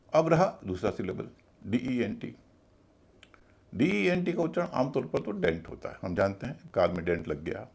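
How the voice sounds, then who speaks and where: Man, pronunciation teacher, low husky gravelly voice, methodical, spells words out. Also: darkish tone. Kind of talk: video class lecture.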